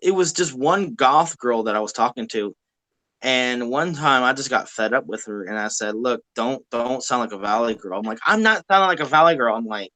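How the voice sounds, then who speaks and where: A man on a live stream, blunt and quick to swear, with a bright, forceful voice. He talks in a casual, laughing way. The sound is dry and close. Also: mid-range voice, dry recording, rough recording. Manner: profane, blunt, laughs often.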